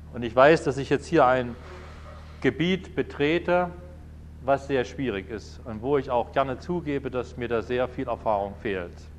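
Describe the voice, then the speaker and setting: A man's voice: mid-range voice, slight background noise. A man giving a sermon, telling anecdotes and acting out little dialogues in changing voices. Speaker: preacher.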